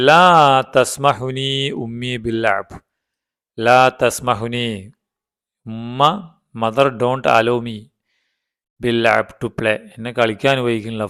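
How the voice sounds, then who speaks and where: This is a male teacher taking his class through a story one line at a time. He speaks slowly and deliberately, his voice smooth and clear, and he keeps repeating words and throwing quick questions back at his students. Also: mid-range voice, a bit bright. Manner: reads a phrase, then explains it, repeating words and asking the class simple questions. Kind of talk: online language lesson, explaining a text line by line.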